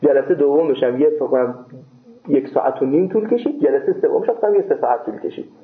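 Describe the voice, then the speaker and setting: A man, a seminary scholar, telling a lively story about his exam in a casual interview and acting out the dialogue. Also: a little high. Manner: lively retelling with quoted back-and-forth dialogue. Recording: tinny phone-like sound, echoey room.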